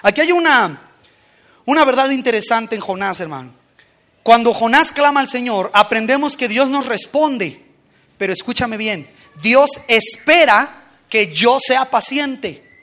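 High-voiced animated male preacher. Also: measured pace. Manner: animated, acts out voices, rhetorical questions. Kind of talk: sermon.

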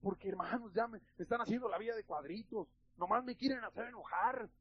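A man's voice: high voice, fast, slightly rough, highs cut off. A man preaching acts out a self-pitying jailed preacher who complains and whines. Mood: whining. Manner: whiny, complaining.

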